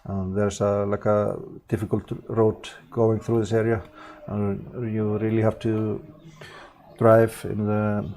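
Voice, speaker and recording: An Icelandic man chatting casually on a live stream as he paints, halting and correcting himself often, with frequent small chuckles. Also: on the low side, flat delivery, warm tone, a little hiss or hum. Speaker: livestreaming painter.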